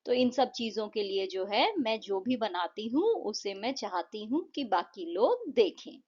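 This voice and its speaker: A woman with an Indian accent, teaching an English lesson and explaining a poem in simple, patient steps, reading English lines aloud slowly. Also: on the high side, big pitch swings, darkish tone, breathy edge, dull audio.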